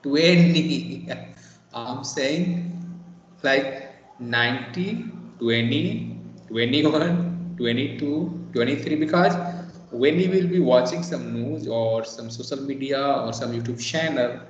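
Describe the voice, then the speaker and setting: An English teacher tutors a student one-on-one over a video call, patiently explaining and repeating words to model how they sound. His mid-range voice goes slowly, and the call audio is echoey and dull with a little hiss or hum.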